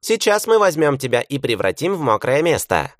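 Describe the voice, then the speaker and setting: A shrill, squeaky orc who giggles and whines like a cruel child, as a male narrator puts him on. The voice leaps very high and swings wildly. It sounds dry and close, like a storybook reading. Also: sing-song, moderate pace, no room sound, close to an everyday voice. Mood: taunting. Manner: giggling, gleeful, pleading. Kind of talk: audiobook character voice.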